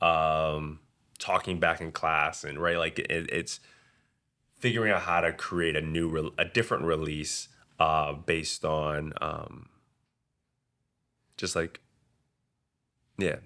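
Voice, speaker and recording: A man with an extremely deep voice that still carries a bright, forceful edge. He speaks haltingly in a candid group conversation, restarting phrases as he searches for words. His tone stays low and firm throughout.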